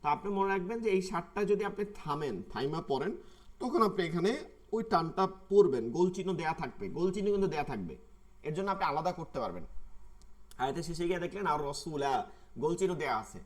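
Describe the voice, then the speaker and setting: A man, teaching an online tajweed class and patiently repeating words slowly to show their pronunciation. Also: on the high side, sing-song. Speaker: Quran recitation teacher.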